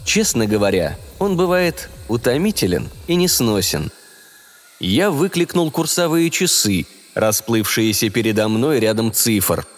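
Lively male audiobook narrator with reverb. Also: medium pitch, unhurried. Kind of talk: scripted science fiction story narration. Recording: long reverb, music behind.

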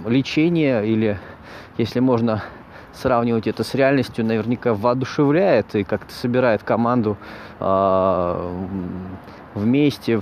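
A man hosting an informal podcast monologue, speaking haltingly in broken phrases as he searches for words. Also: on the low side, darkish tone, a little hiss or hum. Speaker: podcast host.

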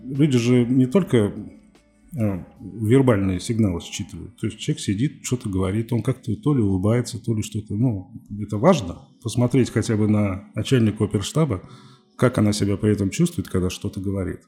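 Outspoken, mellow-voiced man in his forties. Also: on the low side, a little fast, faint music behind. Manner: outspoken, defiant, wry. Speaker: TV journalist, podcast guest. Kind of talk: candid interview talk.

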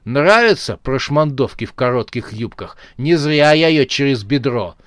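A man voicing a feisty, sharp-tongued young woman who scolds in indignant outbursts, in a storybook reading. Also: medium pitch, animated, normal speed, no echo, studio quality, lightly acted. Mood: jealous scolding.

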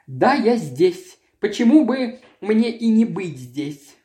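A man's voice: high-pitched, big pitch swings, slow pace, dark tone, voice pushed up, full character voice. Haughty, mocking society lady, as a male narrator puts her on. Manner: mocking, sneering. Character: haughty jealous aristocratic woman.

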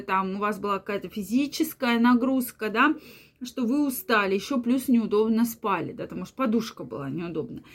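A woman giving an explanatory health talk to viewers, often adding filler words like "yes" and "that is". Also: fairly high pitch. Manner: frequent fillers and repeated "yes", "that is". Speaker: health adviser.

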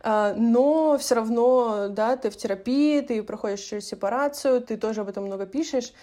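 A woman's voice: a little high, moderate pace, dark tone. A woman in her late twenties hosting a podcast, chatting casually with many fillers and hesitations. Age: 20s. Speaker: podcast host.

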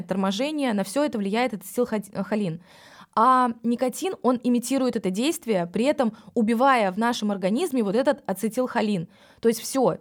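A woman, a psychologist, explaining things in a podcast, speaking frankly and addressing the listener directly. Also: on the high side.

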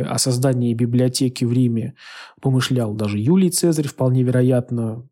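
Husky man telling history at ease. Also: mid-range voice, dark tone. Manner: unhurried, thoughtful, with fillers. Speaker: podcast storyteller on history. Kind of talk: casual history podcast talk.

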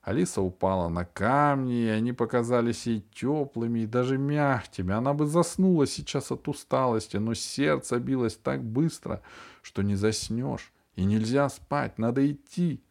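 A man reading a novel aloud as an audiobook narrator, telling it dramatically, slowing down and dropping his voice on the tense moments. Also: creaky, darkish tone. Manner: dramatic storytelling, slowing and dropping low on suspenseful phrases. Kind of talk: scripted narration of a children's sci-fi novel.

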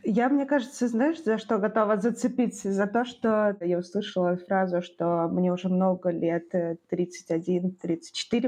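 A woman's voice: mid-range voice, a little mellow. A woman in her thirties, a documentary filmmaker guesting on a podcast, talking reflectively and asking questions in casual chat. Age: 30s.

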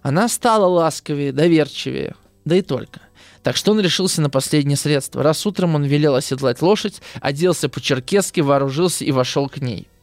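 Man reading as a kindly older army captain, plain-spoken storyteller, gravelly, dry close sound. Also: fairly high pitch, brisk, dry recording, natural voice. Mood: wistful.

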